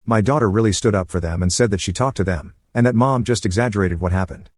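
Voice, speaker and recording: A man with a lowish voice narrates a reddit story in a steady, matter-of-fact read. The sound is close and dry, with no room around it. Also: fast talker, dry recording.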